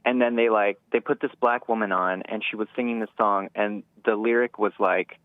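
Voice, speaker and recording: A man's voice: fairly low pitch, fairly even intonation, normal speed, no echo. A man calling in to a radio show, talking casually in a hesitant, rambling way with many restarts, heard over a phone line. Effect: caller's voice over a phone line. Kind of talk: casual call-in chat. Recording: tinny phone line, dry.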